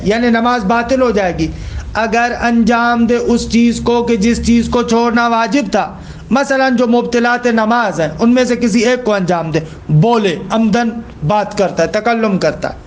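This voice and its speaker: A man teaching religious law step by step, checking that his students follow and slowing down to recite quoted texts. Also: very high-pitched. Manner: explains step by step, checks understanding with questions; recites quoted text slowly and deliberately.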